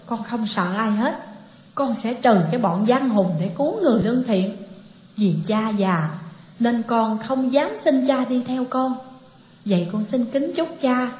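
A woman's voice: a little high, a little mellow. A woman reading the part of an earnest young male rebel who speaks in solemn vows, in an echoey, dull lo-fi recording.

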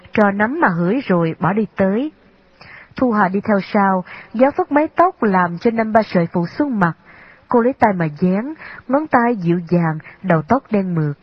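A woman narrating a storybook in an even, unhurried reading manner. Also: mid-range voice, slightly rough, no room sound. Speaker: audiobook narrator. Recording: slightly dull, dry lo-fi recording.

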